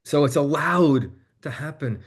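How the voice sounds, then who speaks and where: Somewhat high and husky, this interview guest's voice moves at a measured pace as he reflects openly on a personal story. He gets more animated when quoting conversations he had.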